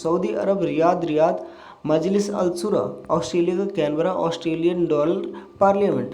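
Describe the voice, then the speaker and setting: A male teacher reciting a quick revision list for a lesson, rattling items off one after another with fillers. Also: high-pitched, dark tone.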